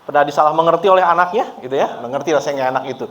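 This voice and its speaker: A man preaching a sermon at a church service in a relaxed, chatty way, often laughing and mixing in English words. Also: on the high side, racing, lo-fi sound. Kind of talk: conversational sermon.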